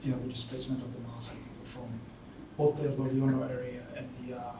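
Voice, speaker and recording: A man speaking from the audience at a panel, halting and searching for words with many fillers. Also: medium pitch, completely flat delivery. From Tanzania. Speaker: audience member. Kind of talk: spoken remarks at a panel discussion. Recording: very echoey hall from far off, noisy.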